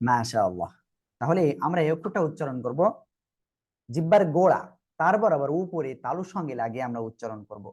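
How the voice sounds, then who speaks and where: A Quran teacher leading an online group class, patiently sounding out letters slowly and asking everyone to repeat together. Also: medium pitch, very animated, darkish tone, dull audio.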